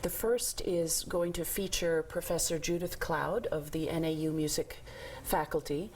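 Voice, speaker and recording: A woman's voice: low voice, measured pace, darkish tone, a little hiss or hum. A woman orchestra conductor giving an enthusiastic studio interview, with many fillers. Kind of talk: interview guest.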